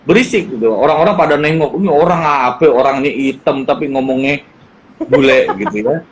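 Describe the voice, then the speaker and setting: A man's voice: mid-range voice, a little fast, a little hiss or hum, low-quality recording. A middle-aged man, a guest speaker, talking casually about parenting and acting out quoted dialogue. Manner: animated, acts out quoted dialogue in changed voices. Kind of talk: casual chat.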